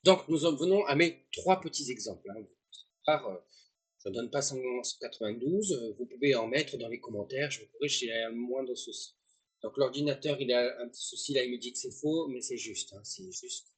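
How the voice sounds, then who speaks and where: A man's voice: mid-range voice, moderate pace, slightly rough. A man giving a casual, joking online lesson, with rambling asides to his viewers. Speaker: German teacher.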